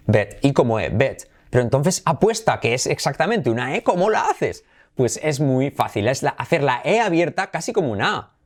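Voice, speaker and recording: A man's voice: mid-range voice, sing-song, moderate pace. A man with a Spanish accent from Spain, teaching English pronunciation and repeating words over and over with exaggerated sounds. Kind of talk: pronunciation lesson.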